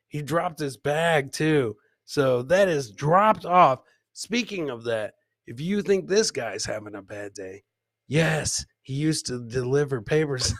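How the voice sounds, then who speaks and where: Hosting a live-streamed clip show, a fortysomething American comedian exclaims his way through casual commentary, leaning on recurring catchphrases. A close boom studio mic with headset records his higher, fairly bright voice dry, at studio quality.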